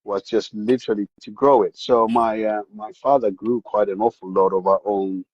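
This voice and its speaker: Husky South African man telling stories. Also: fairly low pitch, moderate pace, no echo, lo-fi sound. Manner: animated storyteller, many repeated words and restarts. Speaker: podcast guest. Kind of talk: casual interview chat.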